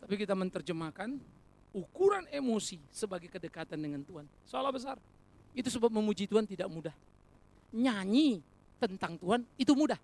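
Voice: medium pitch, brisk. Preacher giving a sermon, voice swings up and down a lot, cracks jokes then gets serious, talks right to the crowd. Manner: animated, rhetorical, addresses congregation as brothers and sisters; jokey asides amid earnest preaching.

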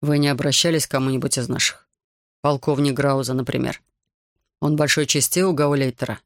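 Audiobook figure: cool, probing, stern gentleman, voiced by a male reader, gravelly voice. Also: medium pitch, level tone, fairly quick, no echo, studio quality, natural voice. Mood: stern measured. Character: stern influential man, composed and coolly questioning.

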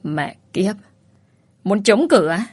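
A woman's voice: mid-range voice, normal speed, darkish tone, close to an everyday voice. A woman reading a story, voicing a crude, bullying young man with a sneering, coarse manner. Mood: snarling.

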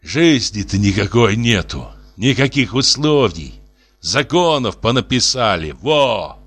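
A man's voice: mid-range voice, sing-song, unhurried, fairly bright tone. A man voicing a bald, heavy, tipsy man who grumbles and sulks about everything in a storybook reading. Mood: confiding. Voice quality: whiny, sulky grumbling.

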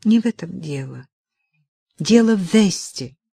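A woman reading the part of a hesitant, guilt-ridden young woman, speaking softly and haltingly. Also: medium pitch, lively intonation, slightly rough, no room sound. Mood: firm.

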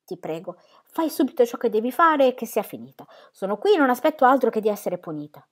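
A distraught young pastor's wife pleads and reproaches in a raised, emotional voice, played by a woman reader. Her pitch jumps high and swings widely. The lines come out urgent and strained. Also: very animated, fast. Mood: anguished reproach.

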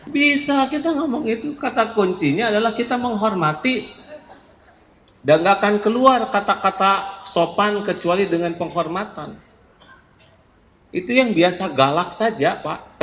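Acting out everyday examples in a teasing, conversational way, an Islamic preacher addresses his congregation. His voice is high, expressive and fairly bright at a normal speed, and the recording has echoey hall sound with faint ambience.

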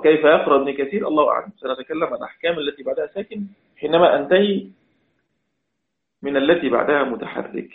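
A man teaching a religious lesson, asking questions aloud and repeating each point for emphasis. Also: a little high. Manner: asks questions then answers them. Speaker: Quran recitation teacher. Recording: echoey tinny phone-like sound.

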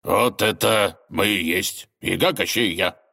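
A man doing Gorynych, soft-voiced three-headed dragon. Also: deep voice, creaky, heavily acted. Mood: explaining. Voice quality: soft, mild voice. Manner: slow, drawn-out, grumbling. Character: three-headed dragon villain, huge, grumbling but soft-hearted. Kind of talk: storybook character voice.

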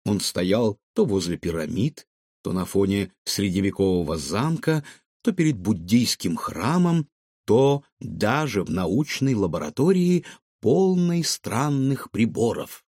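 Guy reading a kids story, expressive, husky, very lively voice. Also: fairly low pitch, unhurried, dry recording, studio quality. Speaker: audiobook narrator. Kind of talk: storybook narration.

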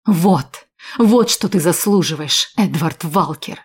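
A woman voicing a furious, battered woman who shouts curses through clenched teeth. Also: lowish voice, lively intonation, slow, husky, heavily acted.

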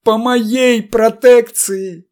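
A man's voice: high-pitched, takes it slowly, voice pushed up. A man voicing a cowed, despairing male deputy director who mutters faint-heartedly.

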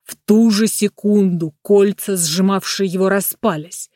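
A storyteller reading a fairy tale aloud in a measured, even way. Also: medium pitch, no echo, clean studio sound. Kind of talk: scripted narration of a fairy tale.

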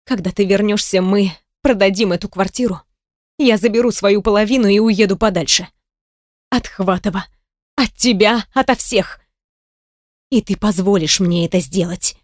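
A woman's voice: mid-range voice, moderate pace, no room sound, studio quality, close to an everyday voice. A woman voicing an angry young woman, the younger sister, speaking in a tense, clipped, hissing way in an audiobook. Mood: cold resolve. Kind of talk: audiobook character voice.

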